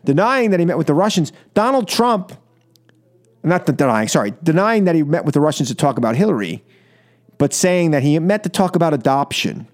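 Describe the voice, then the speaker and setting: With a fairly high-pitched, expressive voice and a slightly quick pace, an American man hosts political talk radio. His opinion monologues and caller exchanges are emphatic and exasperated, marked by repeated phrases and rhetorical questions.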